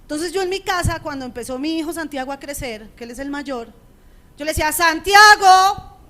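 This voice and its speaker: A middle-aged woman pastor preaching a sermon in a conversational way, often checking in with her listeners, with a strong, loud voice. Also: high voice, fast talker. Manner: conversational preaching, frequent rhetorical checks with the congregation. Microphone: radio studio microphone.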